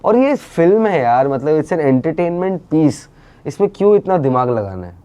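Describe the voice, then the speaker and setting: Animated man chatting as interview guest. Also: on the high side, a little slow, smooth. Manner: animated, mixes English into speech, many fillers. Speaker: interview guest, actor and creator. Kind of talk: casual interview chat.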